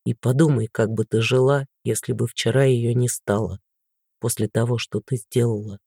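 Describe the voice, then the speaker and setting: A man's voice: medium pitch, steady tone, normal speed, a little mellow, dry recording, studio quality, pitched below the performer's own voice, close to an everyday voice. A man doing a weary, bitter stern father. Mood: grim. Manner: tired, hollow, bitter.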